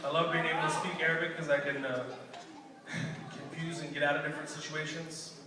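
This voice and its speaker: A man performing live stand-up comedy, telling family stories with quick asides to the audience. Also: on the high side, level tone, heavy background noise. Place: large hall with a live audience. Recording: echoey hall, far mic, crowd laughter.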